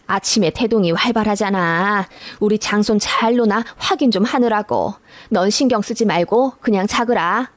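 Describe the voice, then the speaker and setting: A woman's voice: normal speed, hardly any pauses, dry recording, natural voice. A woman voicing a pushy older mother-in-law who nags and bosses her daughter-in-law around. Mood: insistent. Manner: bossy, nagging, shrill when angry.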